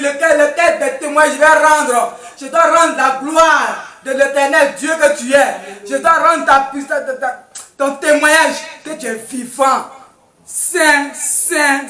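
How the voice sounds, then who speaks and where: A woman's voice: sits high, bright, forceful tone. A woman giving a fervent spoken testimony in a church, breaking into sung praise refrains between her words. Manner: fervent, moves between telling and singing refrains. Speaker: testifying worshipper. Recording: roomy echo, voice far from mic.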